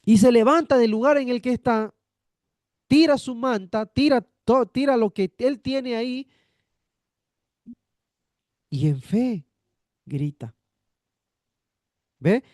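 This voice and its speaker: A man's voice: very high voice, lively intonation, slow pace, pauses often, a little mellow, dry recording, clean studio sound. A man teaching a theology class, repeating his points and asking rhetorical questions to check the students follow. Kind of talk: classroom lecture.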